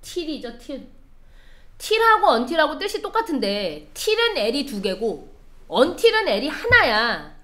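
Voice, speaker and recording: A woman's voice: a little high, a bit bright. A woman teaching an English lesson, explaining line by line and quizzing her students as she goes. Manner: explains step by step, quizzes the class. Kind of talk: classroom lecture.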